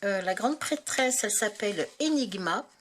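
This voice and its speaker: A woman's voice: medium pitch, lively intonation, moderate pace, a little hiss or hum. A woman hosting a tarot video, chatting casually and hesitantly, searching aloud and restarting her sentences. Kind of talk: casual spoken deck review.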